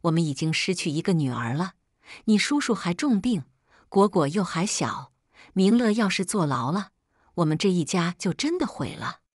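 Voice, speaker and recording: A woman's voice: lowish voice, big pitch swings, normal speed, slightly rough, no room sound, studio quality. A woman voicing a grieving old mother who wails, accuses and begs tearfully, in a storybook reading. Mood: pleading. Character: wailing grieving old mother, shrill and abusive. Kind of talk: storybook narration.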